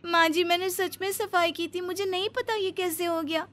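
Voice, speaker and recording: A meek young bride, voiced by a woman narrator in a cartoon story. She speaks in a very high, soft voice and pleads timidly. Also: steady tone, normal speed, soft background music. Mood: pleading. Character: meek young newlywed daughter-in-law.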